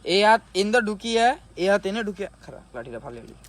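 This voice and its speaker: An actor playing a harsh, bossy English tutor in a comedy skit, scolding and bursting into shouted words. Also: male voice, sits high, big pitch swings, fast, noisy background. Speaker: teacher.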